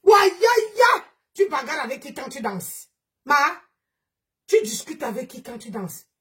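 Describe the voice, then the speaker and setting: Female streamer, high voice, strained throat, loud mocking gossip rant. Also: very animated, a little slow, slightly rough. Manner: mocking, scolding, exclaiming. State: nursing a strained voice. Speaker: live streamer.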